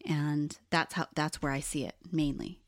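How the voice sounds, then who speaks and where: Lively woman from Hawaii chatting. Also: low-pitched, normal speed, dry recording, studio quality. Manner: animated storyteller, acts out quoted voices. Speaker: podcast co-host. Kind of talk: casual chat.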